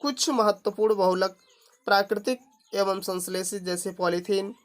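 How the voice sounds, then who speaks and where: A man's voice: high-pitched, fairly even intonation, moderate pace. A male teacher reading a course syllabus aloud item by item, adding brief remarks about what to skip. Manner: reads through a long list item by item, adding brief remarks.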